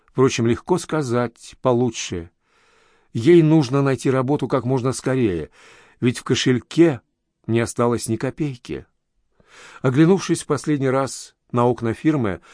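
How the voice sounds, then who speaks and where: Calm male audiobook narrator, dry sound. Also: medium pitch, dry recording.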